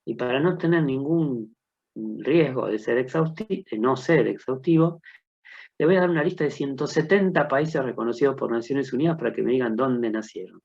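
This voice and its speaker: A man teaches research methods, asking himself rhetorical questions and building up examples. His voice is gravelly and somewhat husky. The recording sounds dull and lo-fi. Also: mid-range voice, moderate pace, a little mellow. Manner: thinks aloud with rhetorical questions and worked examples. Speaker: university methodology lecturer. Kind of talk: recorded lecture.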